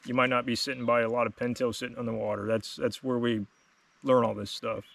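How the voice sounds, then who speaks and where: A man's voice: medium pitch, little pitch movement, brisk, vocal fry, a bit bright, recorded from a distance. A man giving a casual, plain-spoken instructional product demonstration as host. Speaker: host demonstrating duck calls.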